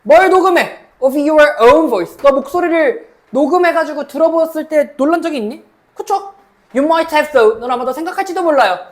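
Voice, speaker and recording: Woman, cram school English teacher, high voice, slow English reading, Korean explanations, frequent check-in questions. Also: expressive. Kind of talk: mock exam explanation lecture.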